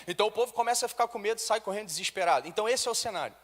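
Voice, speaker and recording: A man preaches to his congregation, telling the story in everyday slang and acting out the voices of its characters. His voice sits high for a man. A long reverb from the church hall trails each phrase. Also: rapid-fire, a bit bright. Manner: storytelling with modern slang and acted dialogue. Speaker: pastor. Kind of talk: sermon.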